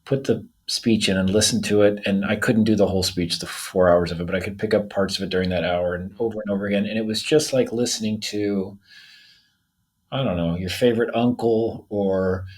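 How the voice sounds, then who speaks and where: A man hosting a podcast, chatting in a relaxed way and telling stories with quotes. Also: lowish voice, a little fast. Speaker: podcast host. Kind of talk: casual interview chat.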